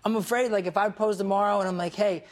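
A man's voice: high voice, steady tone, fast. A young man from Ohio defending himself on a court show, stumbling into repeated restarts as he explains. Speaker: litigant.

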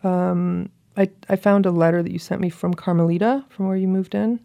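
Brief: woman podcast host, low and gravelly, laid-back and reminiscing. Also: fairly quick. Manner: relaxed, reminiscing, reads an old letter aloud. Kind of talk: casual chat. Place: New York.

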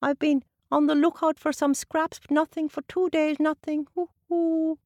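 Lady doing a high hooty storybook owl, husky and a bit gravelly. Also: flat delivery, moderate pace, darkish tone, no room sound. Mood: curious. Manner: hoots between words. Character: wise hooting owl perched on a gate.

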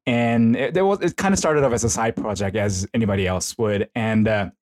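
Speaking fairly quickly in a low, darkish voice, a middle-aged Korean-accented man from South Korea, an esports consultant and professor, chats informally as a guest in a casual conversational interview, hesitant and rambling.

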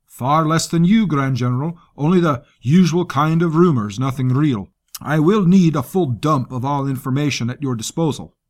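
A man's voice: on the high side, normal speed, voice pushed up, lightly acted. A man putting on a harsh, brash soldier. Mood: brisk. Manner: harsh, taunting, loud. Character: brash scarred male military commander, gruff.

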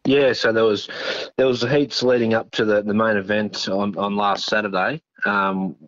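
A man's voice: on the low side, level tone, moderate pace, fairly bright tone, dry recording. A middle-aged Australian man giving a casual phone interview in a laconic, understated outback drawl. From northern New South Wales, Australia. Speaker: interview guest, machinery operator. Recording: dull phone line.

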